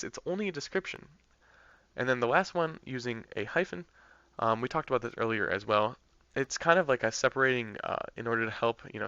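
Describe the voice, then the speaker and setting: A man's voice: mid-range voice, pushed and bright, no echo, highs cut off. A man tutoring test prep, explaining practice test answers in a conversational way, thinking aloud with fillers and restarts.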